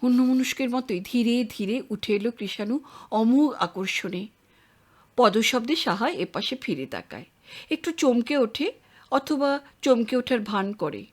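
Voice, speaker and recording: A woman narrating a literary audio story in a measured reading voice. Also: on the high side, lively intonation, a little mellow.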